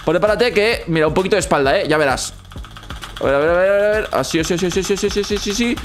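Brief: playful young man, excited game commentary, repeats words in bursts. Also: high voice, rapid-fire, faint music behind. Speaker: gaming youtuber.

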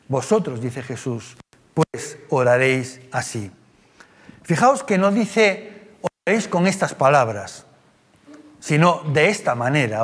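A man's voice: a little high, a bit bright. Chatty male preacher from Spain. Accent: Spain Spanish. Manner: chatty, with frequent rhetorical tag questions. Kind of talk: conversational sermon. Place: church. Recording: long church reverb.

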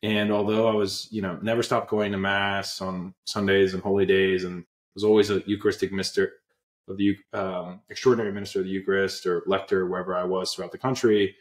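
This young man from Pennsylvania, USA, is an app co-founder telling his story earnestly as a guest in a casual interview, using many fillers and restarts. He's on a video call with an earbud headset in a small indoor room with a roomy sound, and his low-pitched voice is fairly quick with little pitch movement.

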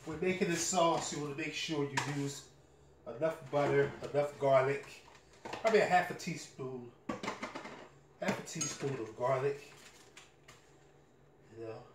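Talking as he cooks, a middle-aged home cook with a slightly high voice runs a casual demonstration for his cooking video, stopping and repeating himself. He's indoors in a small home kitchen, recorded by a camera or phone mic at varying distance, with noisy pot clatter and a roomy echo.

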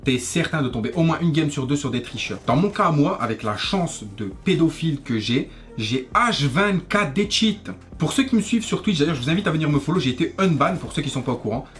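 A man in his 20s, a gaming YouTuber, rants casually to camera over gameplay, swearing in French street slang and addressing viewers familiarly. His voice is on the high side, brisk and a bit bright, with lively intonation. He's in a small indoor bedroom, with faint music behind him.

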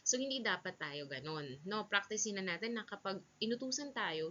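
A woman's voice: medium pitch, bright, forceful tone. A woman teaching young children on a televised lesson, patient and coaxing, asking many questions, in a dull lo-fi recording. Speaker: grade-1 teacher. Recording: dull lo-fi sound.

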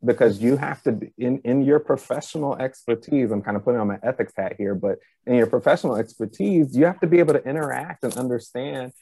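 A man moderating a panel discussion on a video call, speaking in a measured, thoughtful way and slowing down to stress his points. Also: mid-range voice, vocal fry, dark tone, slightly rough, no room sound. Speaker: panel moderator and ethics faculty. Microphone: laptop webcam on video call.

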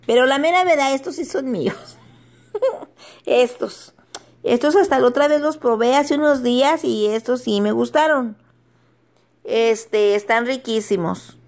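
A woman's voice: on the high side, creaky. A middle-aged woman, chatting casually on a home vlog, laughing often and stumbling over English words. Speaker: vlogger.

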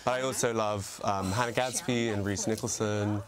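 A man's voice: fairly low pitch, fairly even intonation, normal speed, crowd noise. A young man of half English, half American background, a comic impersonator, chatting upbeat and bubbly in an interview, laughing often.

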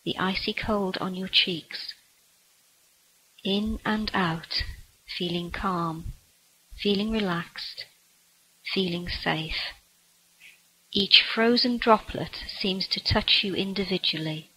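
A woman guiding a relaxation meditation in a soft, breathy voice that sometimes drops to a whisper. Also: medium pitch, takes it slowly, long pauses, low-quality recording. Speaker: meditation guide.

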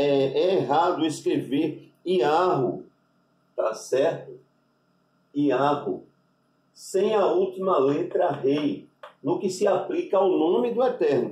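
A man with a Brazilian Portuguese accent, a rabbi giving an unscripted religious lesson, deliberate and spelling out Hebrew letters with constant tag questions. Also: on the high side, darkish tone, distant mic. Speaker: rabbi teaching Hebrew names. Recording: echoey room, voice off-mic.

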